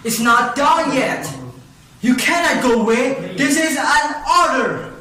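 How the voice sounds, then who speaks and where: A young man voicing a desperate prince who shouts orders at fleeing genies, recorded in a very echoey room from a distance. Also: extremely high pitch, lively intonation, takes it slowly, a little hiss or hum, voice pushed up, full character voice. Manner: shouted commands.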